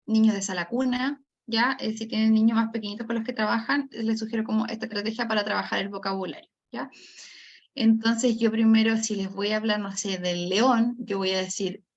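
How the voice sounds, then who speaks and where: A woman's voice: medium pitch, creaky, a bit bright. A woman speech therapist, giving an online lecture, explaining step by step with many fillers and tag questions. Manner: acts out storytelling examples for children. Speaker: speech therapist teaching a course. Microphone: video call. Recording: dull lo-fi video call audio.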